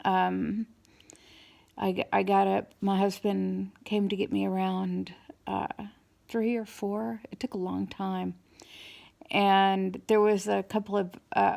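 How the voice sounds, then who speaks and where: Speaking haltingly and informally, a woman tired from dental surgery updates listeners on her situation. Her mid-range voice is slightly hoarse, and the swelling in her mouth along with new teeth impedes her speech a bit.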